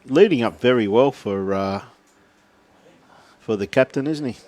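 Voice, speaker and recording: A man's voice: mid-range voice, unhurried, a little mellow. A man with an Australian accent commentating a lawn bowls match, joking and laughing often as he reads out viewer messages. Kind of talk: live sports commentary, chatty.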